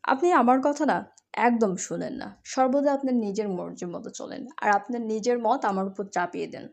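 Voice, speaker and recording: A woman voicing a playful, affectionate young wife who is quick to sulk, in a romantic audio story. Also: a little high, vocal fry. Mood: sulky.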